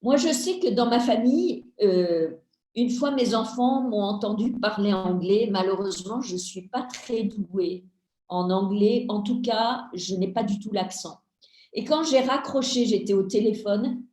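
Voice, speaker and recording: A middle-aged woman gives a measured talk to parents over a video call, acting out small family exchanges as she goes. Her voice is mellow and a little high, and she takes her time. The room around her sounds echoey. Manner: slow, measured, acts out family dialogue examples. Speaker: lecturer on family communication.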